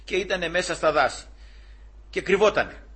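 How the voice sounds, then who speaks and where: A man's voice: high voice, bright, forceful tone, slightly rough. A man preaching, retelling a scripture story in a conversational way with restarts and self-corrections. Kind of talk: sermon retelling a Bible story.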